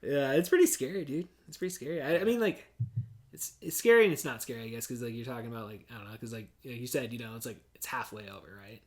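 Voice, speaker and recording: A podcast host in his forties talks fast in a mid-range voice during a casual chat. He tells stories loosely and easily, laughs often, and sprinkles in swearing and "dude."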